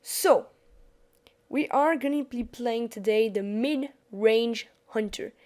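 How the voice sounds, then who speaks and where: Speaking slowly in a somewhat mellow, high-ish voice, a young woman with a French accent narrates an on-screen card game for her gaming YouTube channel. She chats casually over the screen capture, often restarting her sentences.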